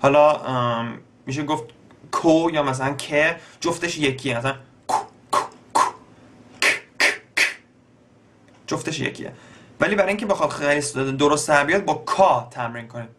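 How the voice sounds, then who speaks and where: Young Iranian man, slightly high voice, casual tutor who pauses often with fillers. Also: heavy background noise. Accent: Iranian Persian. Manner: explains step by step with many pauses and fillers. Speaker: beatbox teacher.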